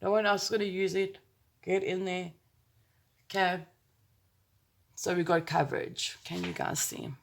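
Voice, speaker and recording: A woman's voice: on the low side, steady tone, a little slow, creaky, pauses often. Chatty South African woman, playful and rambling. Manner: chatty, rambling, playful with exclamations and sound words. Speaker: makeup tutorial host. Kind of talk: casual chatty makeup tutorial to camera. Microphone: phone camera, close up.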